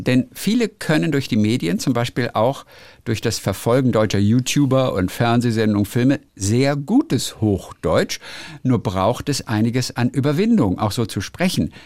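Lively German radio host man. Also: mid-range voice, moderate pace, no room sound. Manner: lively, reads aloud with playful emphasis. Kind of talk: casual phone chat, reading a listener letter.

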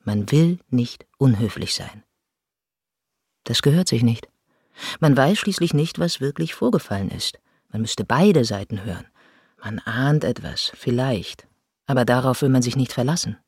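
A woman narrating a scripted spoken-word piece in a measured, grave manner. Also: rumbling low, lively intonation, a little mellow, breathy edge, no room sound, studio quality. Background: music.

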